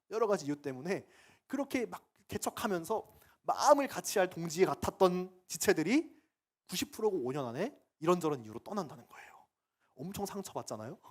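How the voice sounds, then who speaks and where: Casual young guy giving a sermon, animated storyteller, slightly husky voice. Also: fairly high pitch. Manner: lively storytelling with laughs and acted quotes. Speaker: ministry staff preacher.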